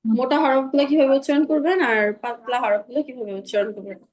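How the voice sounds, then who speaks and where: A woman's voice: high voice, darkish tone, low-quality recording. Patient woman teaching letter sounds. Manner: patient, demonstrates letter sounds slowly and repeatedly. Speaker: Quran recitation teacher. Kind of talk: online class lesson.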